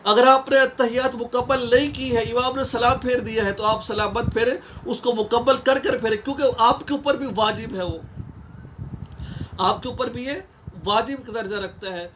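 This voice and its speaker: Male religious teacher, very high pitch, instructional lesson that checks in with listeners, recites prayers slowly, faint noise underneath. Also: fairly even intonation. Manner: explains step by step, often checking "theek hai?"; recites Arabic prayer phrases slowly mid-explanation.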